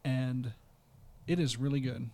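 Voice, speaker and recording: A man's voice: mid-range voice, measured pace, mellow. A man co-hosting a casual podcast, dropping wry quips and laughing often. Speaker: podcast co-host. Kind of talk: casual chat.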